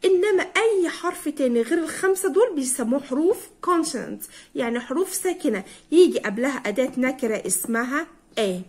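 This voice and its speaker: A young woman with an Egyptian Arabic accent, teaching a primary school English lesson. She repeats words and drills them slowly, spelling out letters. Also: high voice, animated, darkish tone.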